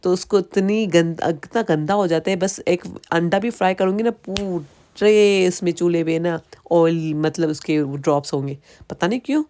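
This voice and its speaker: A native Sindhi speaker in her thirties, this woman has a lowish, mellow voice that sounds clear and resonant, coloured by a Sindhi accent. She chats loosely through a home vlog, rambling, restarting often, and tossing in asides.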